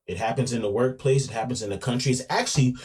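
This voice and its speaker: A man hosting a podcast in a casual monologue, talking emphatically with many restarts and repeats, his volume swinging between loud and quiet. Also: medium pitch, fast talker. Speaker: podcast host.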